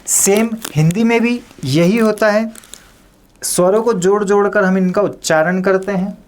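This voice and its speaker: A woman's voice: medium pitch, unhurried, darkish tone. A woman giving an online language lesson, explaining plainly, mixing Hindi with English phrases and inviting viewers to comment. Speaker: English teacher.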